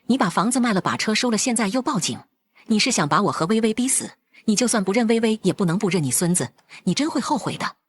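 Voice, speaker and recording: A woman's voice: mid-range voice, expressive, quick pace, slightly rough, pitched above the performer's own voice. A woman voicing a sullen, resentful grown son who speaks in a hard, defensive tone. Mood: pleading.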